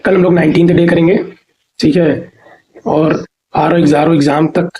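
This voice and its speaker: A man's voice: fairly high pitch, little pitch movement, normal speed, crowd noise, low-quality recording. A young man teaching an exam-prep Hindi lesson, repeating each word and asking questions that he answers himself, with English phrases mixed in. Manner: drilling words by repetition, asking and answering himself.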